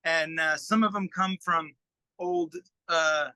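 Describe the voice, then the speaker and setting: A musician being interviewed talks casually and haltingly, pausing to work out his thoughts as he explains. His fairly high voice is notably bright, very animated, creaky, clear, and resonant, recorded dry with almost no room sound.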